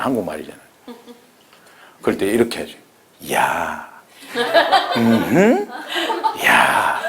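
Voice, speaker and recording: A man who is a pastor, teaching an evangelism class in an animated way, acting out little dialogues and laughing along. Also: medium pitch.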